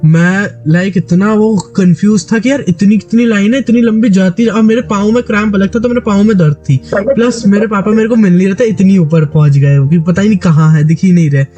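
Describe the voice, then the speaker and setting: A man's voice: high-pitched, fairly even intonation, a little fast, dark tone, soft background music. A man from Delhi with a sore, dry throat, animatedly telling a story to a friend in casual chat, with many restarts. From Delhi, India. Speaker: gaming YouTuber.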